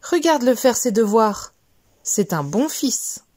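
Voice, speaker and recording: A calm father mouse in a storybook, as a woman reading aloud puts him on, steady and reassuring. He speaks slowly. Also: fairly high pitch.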